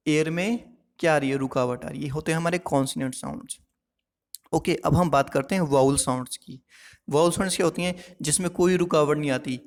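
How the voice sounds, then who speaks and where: A male teacher with a fairly high voice, walking listeners through a lesson one step at a time. He keeps stopping to check that they are following. His voice rings with a long reverb, as in a hall. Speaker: English teacher. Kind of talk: classroom lesson explaining poetic devices.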